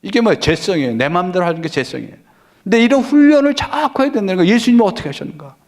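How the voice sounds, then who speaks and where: A middle-aged pastor preaching a conversational sermon, who keeps asking the congregation questions and answers them himself. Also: male voice, high-pitched, very animated, racing, a little mellow. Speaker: senior pastor.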